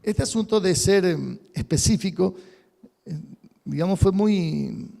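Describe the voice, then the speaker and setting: A male pastor preaches in an animated, conversational way, acting out prayers and often checking in with his listeners. His voice sits high for a man and has a gravelly fry. The sound carries the long reverb of a church hall. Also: measured pace. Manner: animated, acts out sample prayers, asks "¿sí?" often. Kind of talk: sermon.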